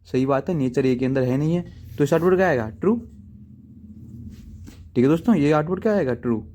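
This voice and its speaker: A man's voice: on the high side, expressive, a little fast, mellow, slight background noise. A man teaching programming in a casual, chatty way, often checking in with his viewers and making self-deprecating asides. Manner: chatty, repeats "ठीक है दोस्तों" often. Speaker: coding teacher. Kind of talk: casual tutorial explanation. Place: at home writing in a notebook.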